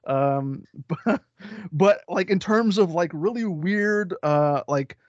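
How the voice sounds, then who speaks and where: A man's voice: sits high, animated, slow, dry recording. A man co-hosting a podcast in casual chat, hesitant and often repeating himself. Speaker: podcast co-host. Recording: dry, dull lo-fi sound.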